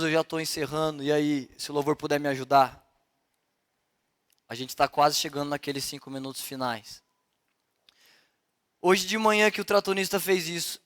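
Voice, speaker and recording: A young man from Brazil preaching at a church service in an animated, conversational way, often acting out dialogue. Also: fairly high pitch. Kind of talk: sermon.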